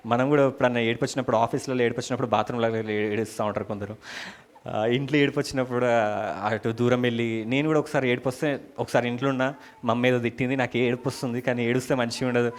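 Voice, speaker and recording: A man's voice: mid-range voice, steady tone, fast. A man preaching, retelling a scripture story in a dramatic, colloquial way and calling out hallelujah. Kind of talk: storytelling sermon.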